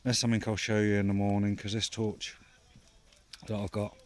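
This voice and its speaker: A man's voice: lowish voice, completely flat delivery, normal speed. Chatty man at a wild camp. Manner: chatty, bantering, full of fillers. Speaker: bushcraft vlogger. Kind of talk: casual outdoor vlog chat. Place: outdoors at a night camp in a hammock by a fire.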